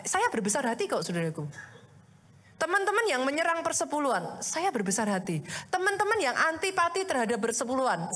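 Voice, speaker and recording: A woman pastor preaches in a high, bright-pitched voice that rises and falls all over the place. She keeps the sermon conversational, firing rhetorical questions at the congregation and calling them by name. Her carries a light tinge. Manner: addresses the congregation often as "Saudara".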